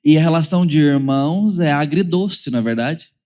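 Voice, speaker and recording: A man's voice: a little high, fairly quick, a little mellow. A man with a Brazilian Portuguese accent preaching a sermon as pastor, with wry humor and playful asides. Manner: wry humor, mimics children's whining voices.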